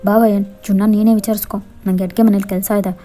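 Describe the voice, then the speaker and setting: A woman voicing a brisk middle-aged mother in a Kannada fan-fiction audio story, nagging loudly. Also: mid-range voice, flat delivery, soft background music, natural voice. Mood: scolding. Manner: loud, nagging scolding.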